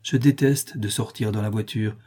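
A proud, unhappy little orphan girl pleading her case earnestly, as a man reads her. The voice stays dark and a little husky. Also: on the low side, steady tone, normal speed. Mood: indignant. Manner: earnest, indignant.

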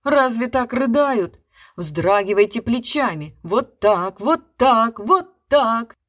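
A woman voicing an impatient male theater director who barks orders at rehearsal, loud and demanding. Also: lowish voice, big pitch swings, unhurried, no echo, studio quality.

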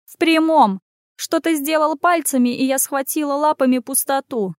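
A woman voicing a sharp-tongued female cat familiar who barks curt warnings. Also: high-pitched, moderate pace, no echo, clean studio sound, voice pushed up, natural voice.

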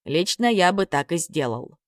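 A woman's voice: on the low side, big pitch swings, moderate pace, dry recording, studio quality. A woman voicing a brash young male hero who teases and boasts in an audiobook story. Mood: cocky. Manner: teasing, boastful.

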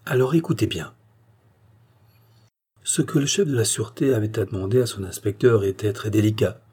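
A man reading a novel aloud as narrator in measured storytelling. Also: fairly low pitch, warm tone, breathy edge. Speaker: audiobook narrator. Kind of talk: scripted narration.

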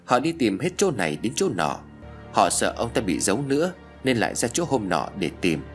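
A man narrating a first-person ghost story in an expressive reading. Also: fairly low pitch, normal speed, soft background music.

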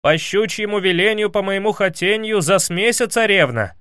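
A man's voice: sits high, moderate pace, fairly bright tone, no echo, clean studio sound, pitched above the performer's own voice. A man voicing a bumbling, boastful young male suitor who talks in a folksy old-fashioned way.

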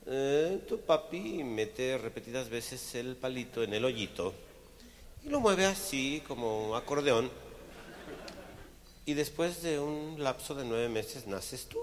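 A man with a Mexican accent voicing a mother who calmly explains things to her son. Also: medium pitch, slow, long reverb tail, a little hiss or hum. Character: patient mother explaining facts of life.

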